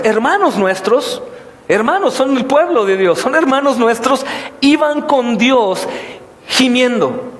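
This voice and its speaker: A man preaches from the pulpit in a high, expressive voice. He drops to soft asides, then bursts into loud cries. The sound rings with the long reverb of a church hall. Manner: animated, swings between hushed asides and shouted outbursts. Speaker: pastor. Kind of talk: sermon.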